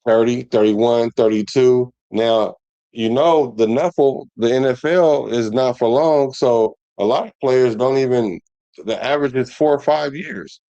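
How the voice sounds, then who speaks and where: A man's voice: mid-range voice, dark tone, dry recording, lo-fi sound. A man hosting a sports show, talking casually to his viewers in a rambling way full of restarts. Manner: rambling, conversational, with many restarts and fillers.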